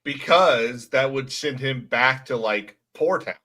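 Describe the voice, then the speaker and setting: A man's voice: medium pitch, takes it slowly, pushed and bright. A man co-hosting a casual history podcast, talkative and full of asides. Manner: talkative, offers asides and opinions. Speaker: podcast co-host.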